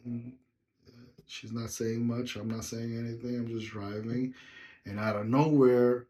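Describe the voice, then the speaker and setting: A man recounts a personal story in a relaxed vlog. He talks loosely and rambles, breaking off to address his viewers before picking the story back up. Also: mid-range voice, a little slow. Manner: rambling, with side remarks to viewers. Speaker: vlogger telling a personal story. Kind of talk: casual storytelling.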